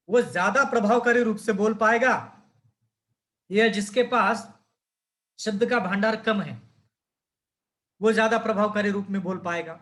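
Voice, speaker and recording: A man's voice: sits high, fairly bright tone. A man teaching a class on speaking skills, asking students questions and modeling pronunciations.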